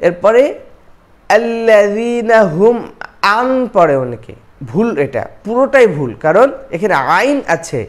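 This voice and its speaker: High-voiced male recitation teacher. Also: sing-song, normal speed. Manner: drills pronunciation by repeating syllables. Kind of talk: recitation lesson with slow chanting and quick explanation.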